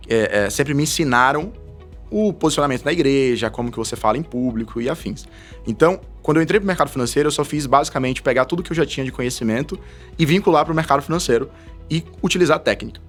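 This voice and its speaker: A man's voice: mid-range voice, faint music behind. A man, a guest telling his story in a casual podcast interview. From Salvador, Brazil. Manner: fast, animated storytelling with frequent laughs. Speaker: guest, investment advisor.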